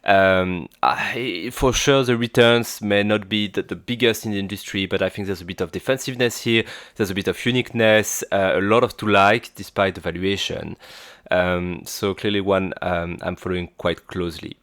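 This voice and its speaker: Male podcast host, French accent, low voice, halting delivery full of fillers, dry close mic. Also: fairly even intonation, fairly bright tone, no room sound. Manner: hesitant, many fillers and restarts. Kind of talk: solo stock-analysis podcast. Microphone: new podcast mic.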